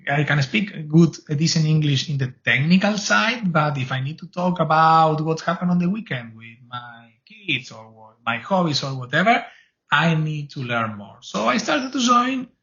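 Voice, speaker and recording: A middle-aged Argentine man, a guest and cloud advocate, answers interview questions in English, his second language, with an Argentine Spanish accent. His voice is high and fairly bright with vocal fry, the sound lo-fi, and he speaks earnestly, rambling and restarting often.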